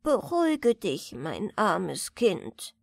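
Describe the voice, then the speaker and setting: A woman voicing a frail, kindly old spinster in a storybook, speaking softly and tenderly. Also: high-pitched, very animated, slow, creaky, no echo, studio quality, voice pushed up, exaggerated voice.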